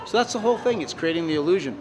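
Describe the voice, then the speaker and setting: A man's voice: a little high, lively intonation, rapid-fire, music in the background, rough recording. An American man in his sixties, chatting in an upbeat, casual interview as a ventriloquist. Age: 60s. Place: large open-sided fairground shed.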